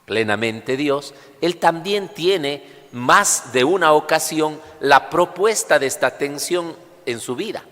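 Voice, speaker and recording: Priest preaching in cathedral-like echo. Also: male voice, a little high, animated, sharp tone. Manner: solemn, deliberate, didactic. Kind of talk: liturgical proclamation and homily. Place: large reverberant church during livestreamed Mass. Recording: cathedral-like echo, long church reverb.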